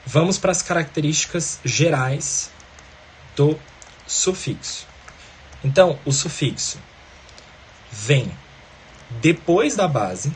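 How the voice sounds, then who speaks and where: A man's voice: fairly high pitch, expressive, takes it slowly, pauses often, slight background noise. A man teaching a grammar lesson, explaining step by step and often checking in with the listener.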